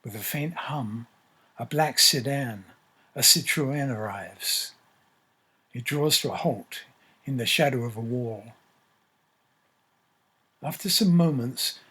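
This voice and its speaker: Husky guy narrating a story, slow and descriptive, scripted. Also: mid-range voice, pushed and bright.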